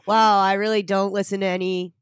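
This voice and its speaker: A woman's voice: mid-range voice, little pitch movement, fairly quick, clean tone, no echo, studio quality. A woman as a guest on a podcast, chatting casually and giggling between phrases. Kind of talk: casual chat.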